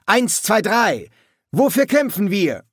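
A sullen vampire soldier, cold and clipped, sometimes bursting into wild shouts, as a male narrator puts him on. The voice rises and falls a lot. The sound is dry and close. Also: mid-range voice, expressive, measured pace, dry recording. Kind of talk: audiobook character voice.

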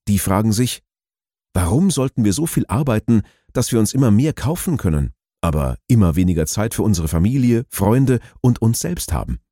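A man giving scripted documentary narration in a measured, explanatory way. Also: lowish voice, dark tone, no room sound, studio quality.

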